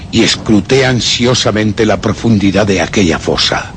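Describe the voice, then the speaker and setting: In a radio horror play, a cold, vengeful male murderer recounts his crime in dramatic first-person narration. He speaks Castilian Spanish in a deliberate, menacing way, fairly low-pitched but highly expressive. Clear noise can be heard behind the recording.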